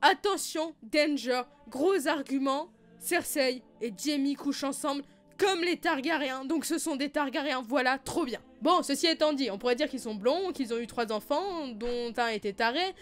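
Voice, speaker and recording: Playful high-voiced young woman vlogger. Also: normal speed, soft background music. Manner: playful, self-mocking. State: slightly hoarse. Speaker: YouTube theory vlogger. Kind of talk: casual chatty video commentary.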